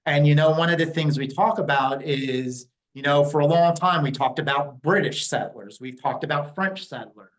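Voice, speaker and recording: A man's voice: on the high side, normal speed, hardly any pauses, low-quality recording. A man in his fifties from New Jersey, giving blunt, opinionated answers in a candid interview, with frequent fillers. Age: 50s. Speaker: interview guest, Native community liaison.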